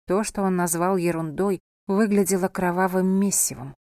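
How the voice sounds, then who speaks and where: A woman narrating a novel in a measured, even storytelling voice. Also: on the low side, dry recording, clean studio sound. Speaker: audiobook narrator.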